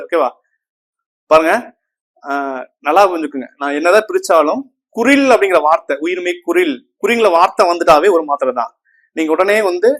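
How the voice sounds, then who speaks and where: A man with a somewhat high voice teaches grammar to a classroom of students. He repeats each term and keeps checking whether the class is following. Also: fairly bright tone. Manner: asks the class frequent checking questions; repeats terms and counts on fingers.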